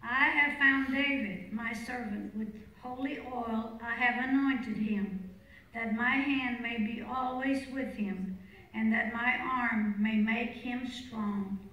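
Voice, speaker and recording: A woman's voice: on the high side, steady tone, takes it slowly, lo-fi sound. A woman reading scripture formally as a lector at Mass. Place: large reverberant church. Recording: very echoey church, distant mic.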